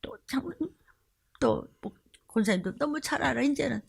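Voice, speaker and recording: A woman pastor preaching an impassioned sermon in a church, swinging between shouts and hushed whispers. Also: high-pitched, lively intonation, moderate pace, vocal fry, slightly rough. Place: church sanctuary.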